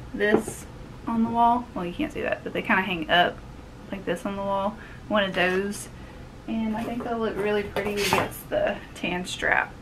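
A young woman with a Southern American accent and a medium-pitched voice chats upbeat while tidying her small home office and showing off items for a cleaning and haul vlog. She thinks aloud as she works, against a noisy background.

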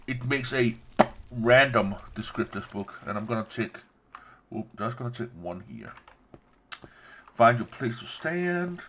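A man giving casual let's-play commentary on his game, playful and quick to gush with delight. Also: mid-range voice, fairly bright tone, slight background noise. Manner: playful, gushes with delight, says "yoink" and "bam". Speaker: gameplay commentator.

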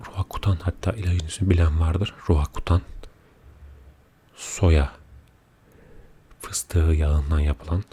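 A man speaking quietly at night in a soft-spoken, confiding ASMR chat, unhurried and often dropping close to a whisper. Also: a bass voice, fairly even intonation, husky. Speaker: ASMR video creator. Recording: audible background noise.

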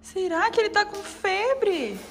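Woman, kids' channel host, high lively sing-song voice, playful make-believe. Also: slow, a little hiss or hum. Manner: sing-song, doting, exaggerated. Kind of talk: pretend play with a child.

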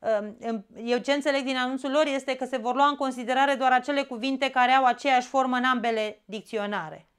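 Teaching grammar for an exam, a Romanian-accented woman breaks things down step by step and regularly asks a quick "da?". She is high-pitched, with a steady tone and smooth sound.

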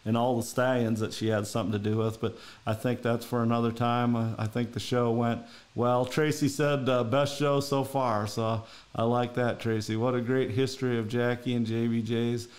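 A middle-aged Minnesotan man with a Minnesota accent hosts a podcast from home over a video call, chatting in a casual, rambling, folksy interview style full of fillers. His medium-pitched, slightly mellow voice barely moves in pitch, keeping a moderate pace with few pauses.

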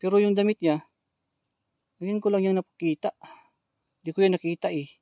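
A man's voice: sits high, normal speed, clear, resonant tone, dry recording. Breathless man vlogging outdoors. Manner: excitable, swings between hushed talk and alarmed shouts. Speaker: ghost-hunting vlogger. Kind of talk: casual vlog narration. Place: outdoors on a mountain at night.

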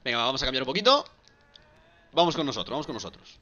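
A man with a Galician Spanish accent commentating his own gameplay on a live stream, excitable and prone to shouting and repeating words. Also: mid-range voice, fast, muffled recording. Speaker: gaming streamer.

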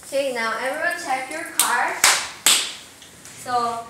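A woman's voice: high-pitched, slow pace, far from the mic. A young woman narrating and moderating a party game for a group. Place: medium indoor common room, group in a circle. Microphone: distant handheld camera. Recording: noisy echoey room, picked up from afar.

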